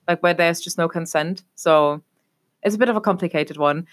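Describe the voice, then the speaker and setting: A young adult woman from Germany co-hosts a podcast in casual chat, rambling as she goes. Her voice is on the low side at normal speed, and she leans on fillers like "obviously" and "a whole thing."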